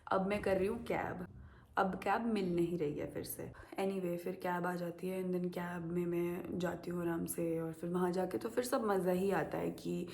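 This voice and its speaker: A woman's voice: on the low side, moderate pace, gravelly, slight background noise. A young woman telling a story casually to camera as a vlogger, acting out the voices of the people in it. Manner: animated, acts out quoted voices.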